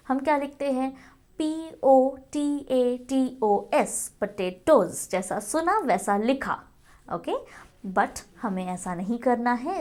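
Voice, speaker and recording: High-voiced woman teaching English spelling. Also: darkish tone. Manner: spells words letter by letter, slow in English, fast in Hindi; addresses viewers as friends, frequent "okay". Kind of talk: spelling lesson in mixed Hindi and English.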